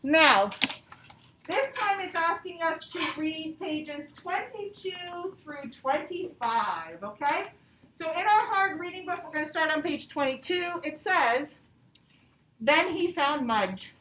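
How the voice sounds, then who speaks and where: A female elementary school teacher with a high, bright, forceful voice and lively intonation teaches a classroom lesson, reading aloud and asking the children questions. She speaks slowly with repetitive instructional phrasing, recorded from a distant mic in an echoey indoor classroom with faint background noise.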